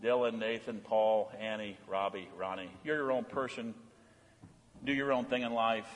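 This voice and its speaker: An older man, a pastor, preaching a confirmation sermon in a church, swinging between loud proclamation and hushed, earnest asides. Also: lowish voice, fairly even intonation, moderate pace. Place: church sanctuary. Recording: long hall reverb.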